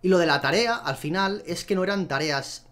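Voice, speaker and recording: A young man from giving casual gameplay commentary, chatting to the animals on screen and to his viewers and getting excited easily. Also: high-pitched, normal speed. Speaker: gameplay video host.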